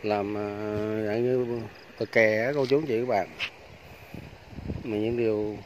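Slow and steady in tone, with a fairly low pitch, a man talks casually to viewers while walking them around a rural farm by fish ponds and filming on his phone. This vlogger is chatty, repeatedly calling his audience aunts, uncles and friends, and there's slight background noise.

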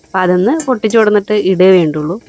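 A woman narrating her home cooking in a casual, chatty way, speaking slowly and gently with a slightly hoarse voice from a lingering cough. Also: medium pitch. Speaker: cooking vlogger.

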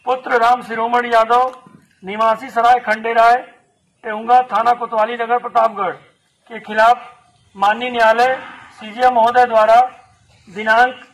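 A man's voice: very high-pitched, vocal fry, rough recording. A middle-aged policeman reads a formal public proclamation like a town crier, through a megaphone outdoors. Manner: formal, monotone reading of a legal notice. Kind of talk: town crier style official announcement, read from a paper. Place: outdoors in a house courtyard. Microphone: handheld megaphone, filmed by a camera a few metres away.

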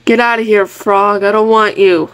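A woman giving casual, excitable commentary on a game she is playing, chatty and often restarting her words. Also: mid-range voice, moderate pace, no echo, poor audio. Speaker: gaming video creator.

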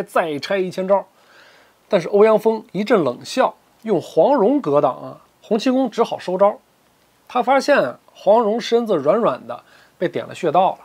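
A man's voice: sits high, slightly rough. A man telling a long martial arts tale in traditional storytelling style, dramatic and colloquial, with vivid asides.

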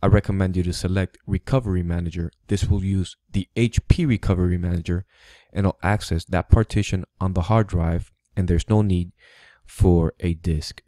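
Speaking in a very low, dark, relaxed voice, a tutorial host talks through a step-by-step tech tutorial, plainly and instructively, with the odd halting "um." He's recorded dry and close on a USB studio microphone at his desk, with no echo at all.

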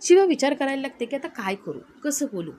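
Woman narrator, lively recap voice, slightly high pitch. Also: quick pace, a little hiss or hum. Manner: lively, shifts pitch to act out each character. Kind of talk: storytelling recap with acted quotes.

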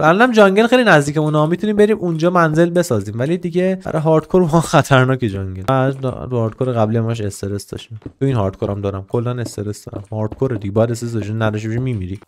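Excitable man chatting through a game. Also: medium pitch, hardly any pauses. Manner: excitable, teasing, chatters to the game's animals and villagers. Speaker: gaming channel host. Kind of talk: casual let's-play commentary.

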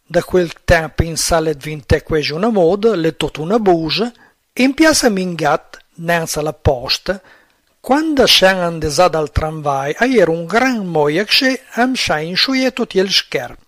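High-voiced Emilian man telling a story. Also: lively intonation, a little slow, a bit bright, dry recording, studio quality. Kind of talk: spoken dialect monologue.

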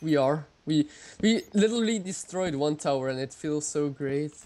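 A man hosting a co-op game video, chatting casually, swearing and shouting out now and then. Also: a little high, lively intonation, normal speed. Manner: swears a lot, sudden loud outbursts. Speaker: gamer host. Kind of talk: casual gameplay chat.

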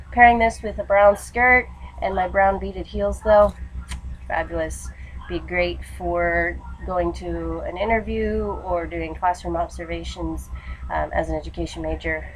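A twenty-something woman with a low-leaning voice chats casually in a haul vlog, her nose stuffy and congested from allergies. She's an education student and vlogger, filming in a small lamp-lit room at home on a webcam or laptop mic at desk distance. The audio is poor, with room noise and a TV playing behind her.

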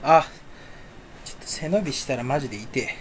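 A young man with a medium-pitched, animated voice chats casually to camera at his home computer, talking a little fast while he browses online. As a video creator, he rambles and talks to himself in a jumpy, self-mocking way. His face is on camera, a desk or headset mic picks him up, and there's slight background noise.

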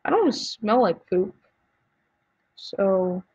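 A woman's voice: medium pitch, sing-song, takes it slowly, a little mellow, dull audio, slight background noise. A woman YouTuber chatting casually as she answers quiz questions, giving blunt opinions with frequent ums and restarts.

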